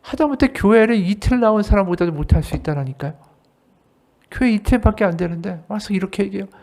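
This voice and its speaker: Pastor preaching at a church service, lively, keeps asking the congregation questions. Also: medium pitch, fast. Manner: animated, with rhetorical questions to the congregation. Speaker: associate pastor. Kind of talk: sermon.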